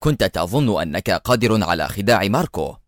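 A man voicing a cocky male criminal agent who turns sharp and agitated under pressure, as an audiobook reader. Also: on the low side, big pitch swings, a little fast, no echo, clean studio sound, pitched below the performer's own voice. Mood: boastful.

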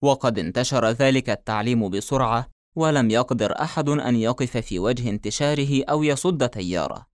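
A male audiobook narrator with a middle-pitched voice reads in a measured, formal literary manner. The sound is close and dry, with no room around it. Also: dry recording.

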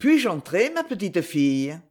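A man with a husky voice voicing a gentle elderly grandfather who speaks tenderly and with agitation. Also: high-pitched, very animated, measured pace, heavily acted.

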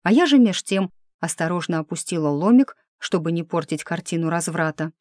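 A woman's voice: lowish voice, animated, a little fast, a little mellow, dry recording, clean studio sound. A woman narrating a first-person audiobook in a wry, ironic manner.

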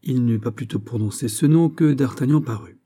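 A man narrating a classic novel as an audiobook, measured and even. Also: medium pitch.

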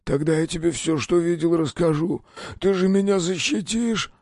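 A man voicing a frightened drunk peasant witness in an audiobook, with rough, folksy common speech. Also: fairly high pitch, moderate pace, darkish tone, no room sound, studio quality, voice pushed up. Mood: confiding. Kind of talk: audiobook character voice.

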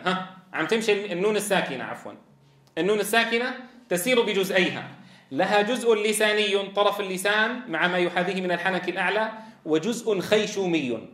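Man, high voice, classroom lecture, questions the students, drawn-out demonstrations, roomy reverb. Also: a bit bright. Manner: explains step by step, asks the class questions, drawls sounds to demonstrate. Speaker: Quran recitation teacher. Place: classroom with a board. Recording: echoey classroom.

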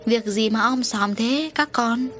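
A woman narrator plays an elderly grandmother who leans on a cane and frets over her family. The voice is pitched higher and drawn out slowly. A faint music bed runs under the storybook. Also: fairly bright tone. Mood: fretful. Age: older. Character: old grandmother leaning on a cane.

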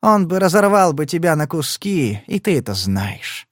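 A man's voice: on the high side, very animated, normal speed, fairly bright tone, dry recording, studio quality, pitched above the performer's own voice. A male reader voicing a furious young gangster's woman who shrieks and mocks. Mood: shrill, scornful. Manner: shrieking, scornful.

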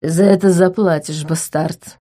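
A woman's voice: fairly low pitch, steady tone, a little slow, mellow. A woman voicing a drunk, arrogant young crown prince with a mocking, slurred drawl. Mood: menacing.

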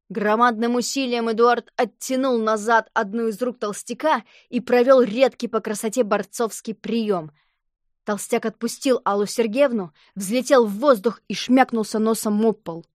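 A woman narrating a children's story aloud in a lively storytelling manner. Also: on the high side, moderate pace, no echo, clean studio sound. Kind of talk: audiobook reading of a children's story.

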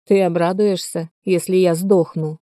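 A woman's voice: fairly low pitch, steady tone, measured pace, warm tone, no echo, clean studio sound, close to an everyday voice. A woman voicing a sickly, spoiled young man who complains weakly and childishly. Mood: weak frightened.

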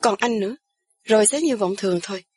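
A woman's voice: medium pitch, quick pace, darkish tone, husky, lightly acted. A woman voicing a bitter young woman who speaks sharply and accusingly.

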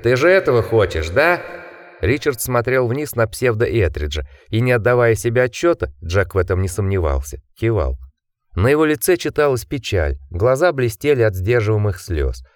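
A man narrating an audiobook in an expressive reading style. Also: on the low side, normal speed, no room sound, studio quality. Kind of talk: scripted narration.

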